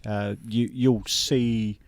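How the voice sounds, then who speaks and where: A man's voice: on the low side, fairly even intonation, extremely slow, vocal fry, no echo, clean studio sound. A middle-aged man with a broad Kiwi accent chatting casually and in a laid-back, blokey way as a podcast co-host. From New Zealand. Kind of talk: casual chat.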